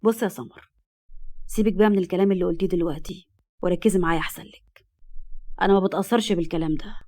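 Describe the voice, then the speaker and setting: A woman's voice: lowish voice, fairly even intonation, quick pace, a little mellow. A woman with an Egyptian accent voicing a smug, arrogant rich man in his thirties who talks in a cold, condescending, slyly polite way. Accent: Egyptian Arabic.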